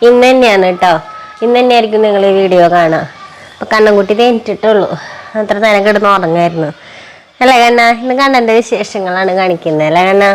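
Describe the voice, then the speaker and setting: A woman with a cold and a hoarse voice, chatting casually in a home vlog as a mother, cooing in sing-song baby talk to her little one. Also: mid-range voice, fast. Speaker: family vlogger and mother. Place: at home, indoors.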